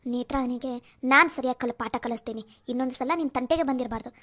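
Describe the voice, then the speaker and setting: A fretful middle-aged mother, voiced by a woman in a cartoon family drama. Her voice sits high and moves fast. She soothes her daughter and complains bitterly about her daughter-in-law. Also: bright, forceful tone. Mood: worried.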